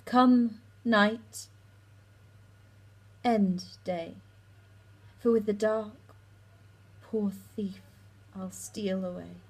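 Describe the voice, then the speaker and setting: A woman performing a guilt-torn lovesick young noblewoman in a slow, impassioned Shakespeare recital. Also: medium pitch, steady tone, rough recording. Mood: anguished.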